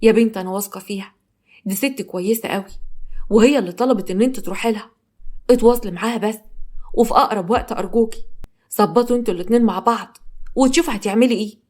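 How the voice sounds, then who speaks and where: A woman narrator voicing a remorseful mother in prison, speaking softly and comfortingly with an Egyptian accent. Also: on the high side, very fast, close to an everyday voice. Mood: tender. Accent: Egyptian Arabic. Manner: soft, hushed and comforting. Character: remorseful jailed mother, tender and hushed.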